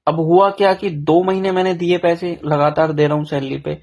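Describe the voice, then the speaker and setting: A man's voice: on the high side, fairly even intonation, moderate pace, a little mellow. A young man telling his own story in a frank, self-deprecating, rambling way, full of restarts, in a casual confessional vlog.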